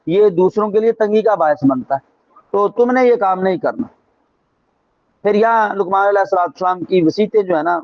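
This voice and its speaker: Pakistani urdu guy teaching quran class, recites then explains, lots of rhetorical questions, muffled lo-fi sound. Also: high-pitched. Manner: rhetorical questions, emphatic repetition. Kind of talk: religious class lecture.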